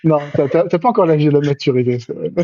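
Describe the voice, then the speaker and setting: A man's voice: on the high side, lively intonation, moderate pace, warm tone. A man in his forties in a casual tech discussion, chatty and joking, stammering on repeats. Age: 40s. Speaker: guest. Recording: dry, dull lo-fi sound.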